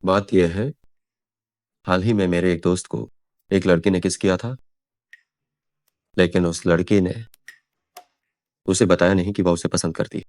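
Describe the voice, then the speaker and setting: Guy doing rich young boss, deep voice, gruff and sulky, dry close sound. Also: flat delivery, a little slow, pauses often, a little mellow, no echo. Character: rich young male boss, proud, lovesick. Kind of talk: Hindi dubbed drama.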